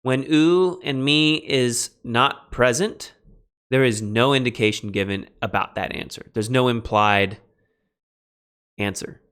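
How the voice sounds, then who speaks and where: A man teaching a lecture on biblical Greek grammar, emphatic and lively, with quick asides to his students. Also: mid-range voice, clean tone. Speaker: Greek instructor. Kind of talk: recorded classroom lecture.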